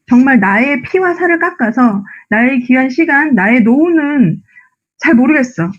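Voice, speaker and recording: A young adult woman giving a motivational lecture, animated and often asking the audience rhetorical questions. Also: fairly high pitch, muffled recording. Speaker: speech instructor giving a lecture.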